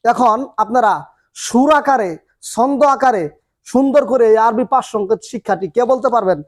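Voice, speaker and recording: A male teacher runs a classroom lesson, his voice pitched very high. He drills each rule over and over, putting a question to the class and then answering it himself. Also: moderate pace. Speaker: Quran reading teacher. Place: classroom with a board and students.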